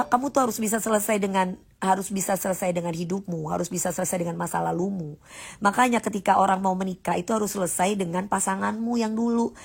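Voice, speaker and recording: A woman's voice: mid-range voice, gravelly, breathy edge. A woman, ranting casually and mockingly to viewers on a livestream. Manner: sassy, combative, mocking. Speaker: livestream host.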